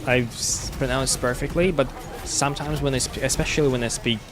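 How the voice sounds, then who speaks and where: Halting man chatting over background noise. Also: mid-range voice, fairly even intonation. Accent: slight British-sounding English, learned at school. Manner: halting, with frequent restarts and fillers. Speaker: game streamer. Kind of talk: casual chat while gaming live.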